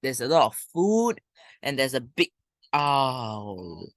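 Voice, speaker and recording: A primary school English teacher with a Malaysian or Singaporean accent casually works through lesson exercises, thinking out loud and dropping in colloquial particles. Her medium-pitched voice swings widely in pitch at a moderate pace, with no echo.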